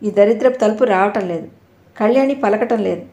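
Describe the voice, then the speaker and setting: A woman's voice: medium pitch, normal speed, warm tone, natural voice. A woman voicing a worried older father who pleads frantically. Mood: frantic pleading. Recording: roomy echo.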